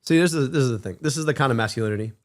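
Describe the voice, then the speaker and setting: Fast-talking man reacting to clips. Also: medium pitch, slight background noise. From Michigan, US. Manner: animated, emphatic, repeats words when excited. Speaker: stream co-host reacting to clips. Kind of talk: casual reaction commentary.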